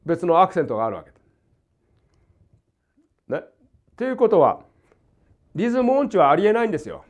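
An older man from Hokkaido with a light Hokkaido accent, teaching jazz guitar in a casual, animated way and acting out rhythms and quoted voices. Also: high-pitched, a little fast. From Hokkaido, Japan. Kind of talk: casual spoken lesson. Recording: dull lo-fi recording.

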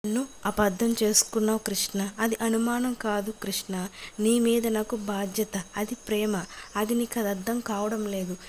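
A remorseful young police officer pleads for forgiveness, read out by a woman narrating a soap recap. The delivery stays flat and even, with little rise or fall, over a faint hiss. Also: medium pitch, moderate pace, close to an everyday voice. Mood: pleading. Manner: pleading, apologetic.

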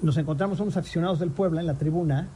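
A Mexican man hosting a sports talk show, telling crude, animated stories and acting out people in them. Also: a little high, rapid-fire, breathy edge. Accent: Mexican Spanish. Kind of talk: joking storytelling among co-hosts.

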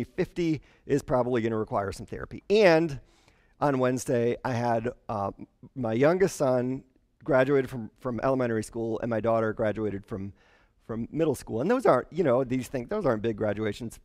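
Quoting people in playful character voices, a pastor in his forties keeps his sermon chatty and lively. His mid-range voice comes through a headset mic, recorded close and dry with minimal room echo.

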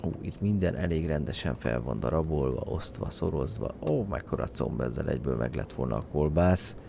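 A man with a deep, gravelly voice gives joking let's-play commentary. He turns excitable and shouts up into a high register at his game character. His pitch moves all over the place, and the recording carries a steady hiss of noise. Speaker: game streamer.

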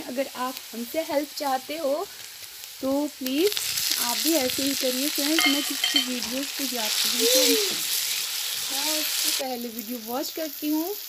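A woman from Himachal Pradesh talks her viewers through a recipe in a high, slow, friendly voice. She is recorded on a phone at her stove. Oil sizzles and a spoon scrapes the pan over clear background noise. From Himachal Pradesh, India. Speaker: cooking vlogger. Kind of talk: casual cooking narration. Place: home kitchen at a stove. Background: sizzling and stirring in a pan.

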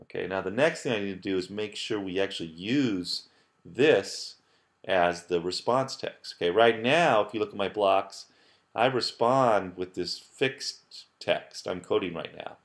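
A man with a very deep voice walks through a coding screencast at his desk. He talks casually and loosely, with lots of "okay" and "you know", and often starts sentences over. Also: lively intonation, a little slow. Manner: casual, many fillers and restarts. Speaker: professor teaching app building. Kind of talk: screencast tutorial.

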